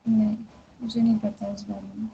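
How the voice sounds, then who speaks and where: A woman's voice: mid-range voice, little pitch movement, moderate pace, creaky, dark tone. A young woman teaching a singing lesson, patiently checking that students follow and drawing out syllables to demonstrate. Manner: patient, checks understanding often. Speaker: music teacher. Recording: dull lo-fi sound with faint noise.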